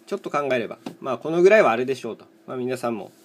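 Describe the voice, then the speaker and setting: Talking rapid-fire with lively intonation at medium pitch, a man commentates on his own tile play against slight background noise. As a streamer hosting a solo mahjong chat video, he rambles casually, voicing his thoughts in short, matter-of-fact fragments.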